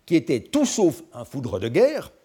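An older man giving a formal academic history lecture, measured and lively in pitch, pausing often on fillers and restarts. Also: breathy edge.

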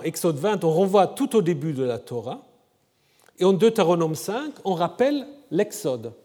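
A man giving an academic lecture in a conversational way, often checking in with his listeners with a quick "hein?". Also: high-pitched, mellow. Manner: conversational, frequent "hein?" tag questions. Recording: reverberant lecture hall.

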